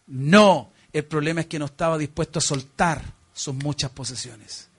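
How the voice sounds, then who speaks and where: A man with a Chilean accent preaching a sermon, emphatic and questioning his congregation, swinging from loud exclamations to hushed, earnest passages. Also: a little high, moderate pace, husky. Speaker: pastor.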